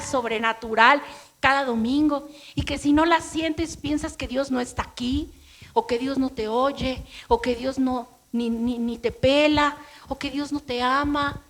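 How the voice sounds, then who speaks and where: A woman's voice: sits high, fairly bright tone. A middle-aged woman pastor with a Mexican accent, preaching a sermon in a chatty storytelling way and acting out her own past words. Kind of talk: sermon with personal testimony.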